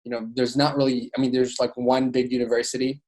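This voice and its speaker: This Iraqi-born young adult talks quickly in a mid-range, slightly mellow voice that barely moves in pitch. As a podcast guest, the student author and educator chats informally and eagerly in a casual interview, leaning heavily on "like" and "you know."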